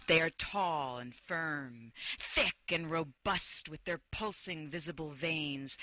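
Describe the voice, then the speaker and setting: Effusive woman host, bright voice. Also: low-pitched, slightly rough. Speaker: interview host. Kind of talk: casual interview and reading aloud.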